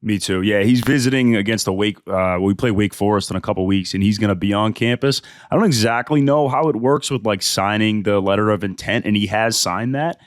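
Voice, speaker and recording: A man's voice: on the low side, a little fast, few pauses, dry recording, clean studio sound. A man co-hosting a casual sports podcast, talking in a laid-back, frustrated way. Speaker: podcast co-host.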